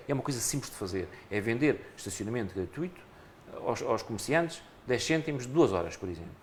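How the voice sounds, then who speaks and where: A local election candidate with a European Portuguese accent answers radio interview questions earnestly, often restarting his phrases. His voice is mid-range, with a little hiss or hum in the audio.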